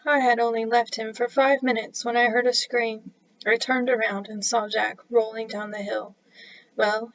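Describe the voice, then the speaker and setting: A woman's voice: a little high, no room sound. A woman voicing the formal letter of a polite man who owns a clock shop. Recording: dull lo-fi recording.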